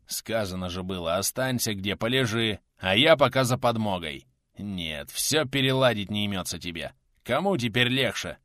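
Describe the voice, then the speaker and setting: A man voicing a gruff bearded male warrior who talks loudly and slowly, scolding and fussing over his friend. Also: fairly low pitch, expressive, no room sound, studio quality.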